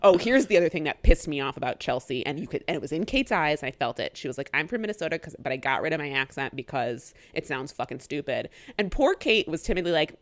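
A young woman with a low, expressive voice talks fast with hardly any pauses, co-hosting a podcast as she recaps a reality show. Her chat is casual and animated; she swears freely and acts out what people said, and the audio has no echo.

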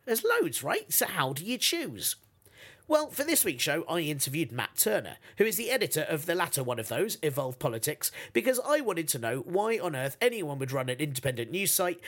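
British man, podcast host, slightly high voice, wry comic monologue, self-deprecating asides. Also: a bit bright.

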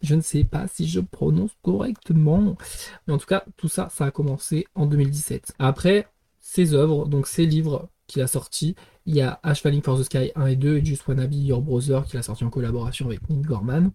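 A man's voice: mid-range voice, steady tone, a little fast, dark tone. A man hosting a book podcast, giving a casual review in a rambling way with lots of fillers and self-corrections. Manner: self-deprecating, chuckles at himself.

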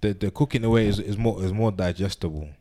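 A man's voice: fairly low pitch, fast talker, dark tone, a little hiss or hum. A young man with a London accent chatting and telling anecdotes casually, in slang, repeating himself for emphasis.

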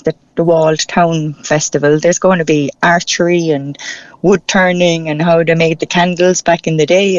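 A woman's voice: lowish voice, no room sound. A woman with a Cork accent, chatting in an upbeat, colloquial way as a musician interviewed on a radio phone-in. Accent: Cork Irish. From Cork, Ireland. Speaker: musician, street performer being interviewed. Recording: dull, band-limited phone call.

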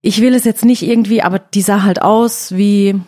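A woman recounting a story in casual conversation with a medium-pitched voice. She tells it vividly and often quotes exactly what she said. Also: fairly even intonation, normal speed, a little mellow. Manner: tells the story vividly, quoting her own words.

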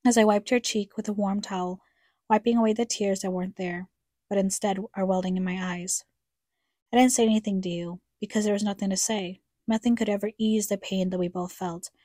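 A woman's voice: medium pitch, fairly even intonation, fairly quick, mellow, no room sound, clean studio sound. A young woman reading a scripted, somber personal narration, speaking reflectively to her late mother. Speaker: podcast co-host narrator.

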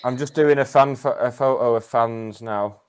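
A man's voice: mid-range voice, moderate pace, a little mellow. An English man bantering casually as a podcast panellist, dry, jokey and teasing.

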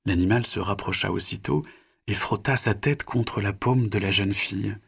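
A man narrating a children's story, expressive and dramatic, sometimes dropping to a whisper. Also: on the low side, moderate pace, gravelly, slightly rough.

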